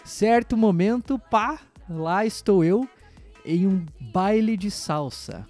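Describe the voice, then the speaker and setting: A young man on a casual podcast, his voice sitting a little high and swinging from loud bursts to mumbled asides as he tells a story. He talks in slang. Faint music plays behind him. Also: animated, slow. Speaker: podcast co-host. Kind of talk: casual chat.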